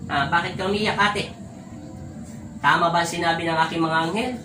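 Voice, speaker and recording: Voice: mid-range voice, normal speed. A folk faith healer scolds and instructs in a stern, preacher-like way, explaining healing to viewers and ordering spirits to leave. The voice sits back from the mic in a roomy, echoing space, with a faint hum of surroundings behind it. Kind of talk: healing session commentary and commands to spirits. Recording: echoey room, voice far from mic, faint ambient noise.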